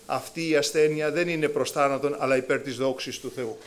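With a mid-range voice, a man delivers an animated sermon to his congregation, voicing biblical characters and shifting suddenly up and down in pitch.

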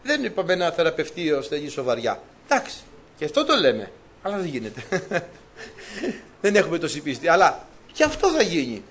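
A man from Greece preaching a sermon, telling personal stories with lively, animated delivery. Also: on the high side, slight background noise. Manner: lively, animated storytelling, laughs at own stories.

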